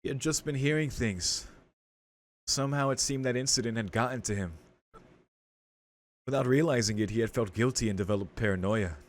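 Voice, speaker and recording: A man streaming a visual novel reads its text with dramatic flair, then reacts casually in slang. His medium-pitched voice moves a little fast and pauses often, with game music underneath.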